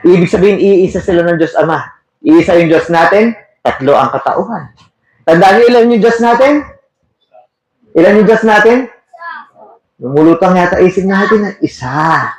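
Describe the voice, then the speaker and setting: High-voiced preacher in an echoey room. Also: male voice, lively intonation, moderate pace, pauses often. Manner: asks the audience questions, switches between Tagalog and English terms. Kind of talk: sermon with Bible reading.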